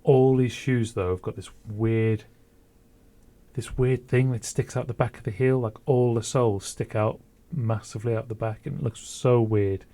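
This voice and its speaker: A man's voice: medium pitch, steady tone, normal speed, warm tone. A young man co-hosting a podcast, telling rambling anecdotes in a casual chat. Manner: rambling, anecdotal storytelling with restarts. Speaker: podcast co-host.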